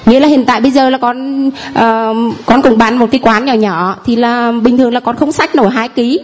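A woman's voice: fairly high pitch, fairly quick. A woman telling the priest and congregation about healings, speaking hesitantly with many fillers. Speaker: congregant giving testimony. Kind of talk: spoken testimony.

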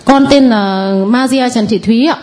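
A woman in her forties with a northern Vietnamese accent gives a spoken testimony to a priest. Her voice is on the high side with a darkish tone and a moderate pace, and her manner is nervous, rambling and deferential.

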